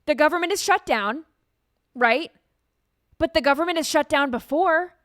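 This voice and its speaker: A woman's voice: high voice, moderate pace, a bit bright, no room sound, clean studio sound. A woman hosting a commentary show, talking in a dismissive, emphatic way. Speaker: show host. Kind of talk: opinionated commentary.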